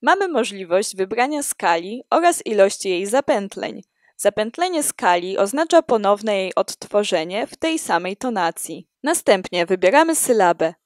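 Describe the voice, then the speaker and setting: A woman reading a scripted walkthrough of an app in a steady, explanatory way. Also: medium pitch, moderate pace, no echo, clean studio sound. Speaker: student presenting an app.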